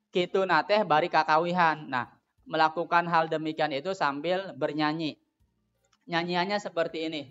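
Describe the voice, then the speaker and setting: A middle-aged man with a Sundanese accent, teaching a primary class in a recorded lesson and explaining a children's game slowly and patiently. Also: on the high side, a bit bright, lo-fi sound. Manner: explains slowly, switching between two languages, sings a children's song.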